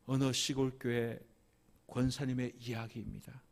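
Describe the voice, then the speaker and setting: A man preaching a Sunday sermon as senior pastor in a church, swinging from hushed whispers to loud, emphatic climaxes with rhythmic repetition. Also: medium pitch, level tone, normal speed. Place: church sanctuary.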